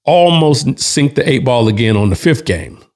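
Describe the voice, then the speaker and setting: Male host, easygoing spoken story, loose slangy delivery with asides, average pitch. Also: moderate pace. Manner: relaxed, slangy, with restarts and asides. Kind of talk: casual storytelling.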